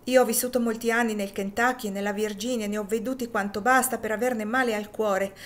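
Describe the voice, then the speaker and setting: A woman's voice: a little high, steady tone, a little fast, close to an everyday voice. A woman reading the lines of an earnest, compassionate lady who speaks with emphasis.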